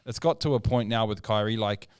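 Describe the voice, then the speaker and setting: Podcast co-host, male, low smooth voice, argues his case emphatically; dry close mic. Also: a little fast, no room sound. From New Zealand. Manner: opinionated, emphatic, argues points with rising energy. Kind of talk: casual sports chat.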